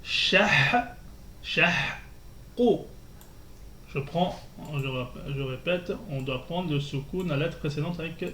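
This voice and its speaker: Man, teacher, patient drills, fairly high voice, roomy echo. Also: normal speed, hardly any pauses. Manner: patient, repeats syllables, many fillers. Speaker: Arabic teacher. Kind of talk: slow beginner lesson with drills. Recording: echoey room with faint noise.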